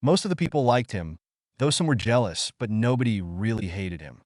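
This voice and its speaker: A man reading fan-fiction narration aloud in a steady storytelling manner. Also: on the low side, moderate pace, dry recording, clean studio sound.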